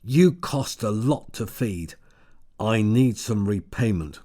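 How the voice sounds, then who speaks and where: A man's voice: fairly low pitch, expressive, takes it slowly, dark tone, no echo, studio quality, voice pushed up. A man voicing a rude, blunt middle-aged laborer in an audiobook. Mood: leering. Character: gruff, rude middle-aged male plantation worker.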